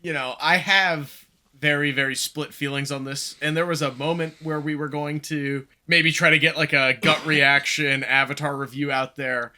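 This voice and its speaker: A man co-hosting a casual movie review podcast, excitable, swearing freely and restarting his sentences often. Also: a little high, moderate pace. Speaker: podcast co-host.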